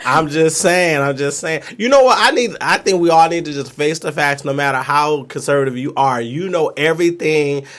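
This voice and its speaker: A man on a talk show as a guest, animated and laughing often as he tells stories with quoted voices. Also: a little high, brisk, few pauses. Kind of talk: casual talk-show banter. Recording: clear crowd noise behind.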